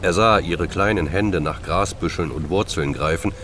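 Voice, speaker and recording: A man reading a novel aloud in steady, measured narration. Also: low voice, noisy background. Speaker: audiobook narrator. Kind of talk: scripted narration.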